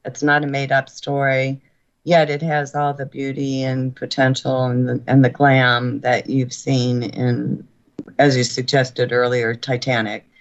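An older woman speaking as a guest in a radio interview, earnest and grateful, with halting restarts, her voice sounding as if taped off the radio. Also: rumbling low, little pitch movement, dull audio. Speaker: guest author.

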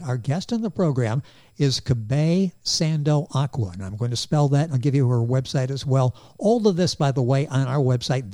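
Mellow-voiced male interview host. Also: medium pitch. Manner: polished, warm introductions, reads details slowly. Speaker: radio show host. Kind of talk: hosting an interview.

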